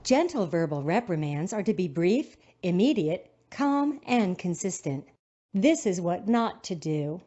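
A woman narrating an educational video in a calm, instructive scripted manner. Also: lowish voice, measured pace. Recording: dull lo-fi sound.

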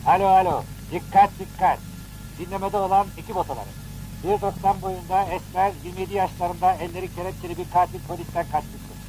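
A police dispatcher over the radio. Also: male voice, sits high, steady tone, fairly quick, dark tone, slight background noise, rough recording. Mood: urgent. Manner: urgent official announcement. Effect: police radio broadcast, heard from afar.

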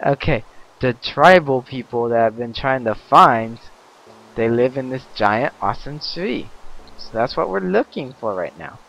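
A man giving casual let's-play commentary, chatty and easily excited, yelping and laughing at mishaps. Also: medium pitch, unhurried, creaky, muffled recording. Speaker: gaming commentator.

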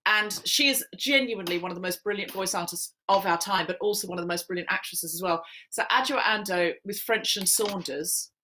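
A woman hosting a live Q&A over a video call, chatty and joking with quick asides. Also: medium pitch, bright, forceful tone, slight background noise. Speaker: podcast host.

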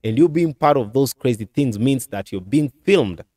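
A man's voice: medium pitch, animated, moderate pace, dark tone, dry recording. A man in his thirties hosting a commentary show, talking casually with many fillers and restarts into a desk mic in a small studio. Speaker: commentary channel host. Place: small indoor studio with curtain backdrop. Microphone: desk mic on a stand.

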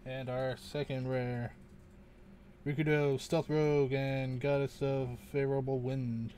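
A man's voice: mid-range voice, flat delivery, a little slow, mellow, slight background noise. A man hosting a casual unboxing video, rambling and muttering to himself, often unsure how to say things. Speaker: channel host opening card packs.

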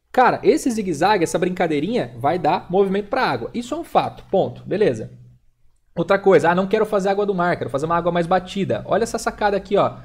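A young Brazilian man hosts a live painting lesson and talks in a loose, chatty way while he demonstrates. His voice sits a little high for a man. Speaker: digital illustration instructor. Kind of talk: live-stream painting tutorial.

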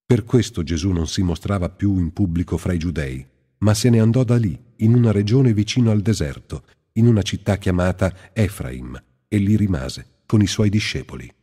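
Deep husky man reading scripture. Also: dark tone. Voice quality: slow, measured, reverent delivery. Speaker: Bible reader. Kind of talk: solemn scripted Bible reading. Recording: long hall reverb.

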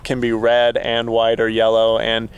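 A man's voice: mid-range voice, completely flat delivery, a little slow, highs cut off, slight background noise. A young man vlogging outdoors to a handheld camera at arm's length, chatting easily with small laughs and sounding tired after a hike. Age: young adult. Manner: easygoing, chatty, laughs between phrases. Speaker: travel vlogger. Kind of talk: casual vlog talk to camera. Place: outdoors, desert trail and trailhead parking lot.

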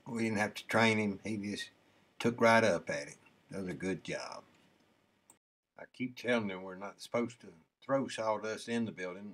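Folksy man explaining his sawmill. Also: on the low side. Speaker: sawmill owner. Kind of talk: hands-on demonstration. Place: open metal sawmill shed.

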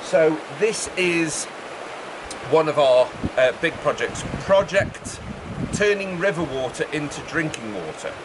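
A middle-aged vlogger stands outdoors beside a fast-flowing river, explaining a build project to camera in a casual, chatty way. He raises and projects his fairly high voice over the rushing water, and his intonation is lively.

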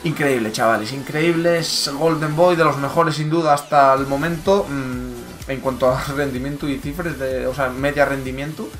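A man with a Spain Spanish accent giving live football gameplay commentary, excitable and bursting into loud exclamations and swearing. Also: medium pitch, normal speed, hardly any pauses, faint music behind. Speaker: gaming YouTuber.

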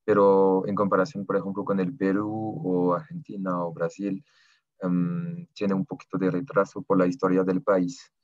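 Over a dull, lo-fi video call, a young man from southern France whose first language is French, and who is learning Spanish, answers interview questions from a small room at home. His low, darkish voice has little pitch movement and no echo. He speaks haltingly, with many pauses while looking for words, picked up by his laptop webcam.

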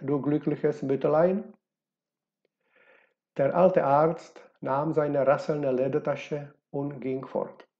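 A man reading a novel aloud in a measured, solemn way. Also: fairly high pitch, creaky, dark tone, highs cut off. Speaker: audiobook reader.

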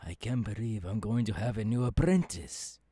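A man playing an eager, kindly professor mentoring an apprentice in an ASMR roleplay, with halting, dramatic pauses. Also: on the low side, lively intonation, warm tone, slight background noise, natural voice. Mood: eager, welcoming. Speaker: voice actor, ASMR artist.

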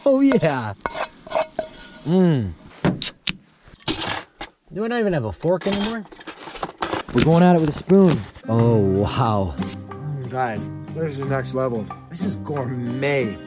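Over music, a young man with a medium-pitched voice and big pitch swings vlogs slowly, with long pauses, as he cooks by his pickup in a snowy parking lot. He's upbeat, chatty, and quick to laugh while talking to viewers. It's recorded on a handheld and head-mounted camera mic, with noisy outdoor audio.

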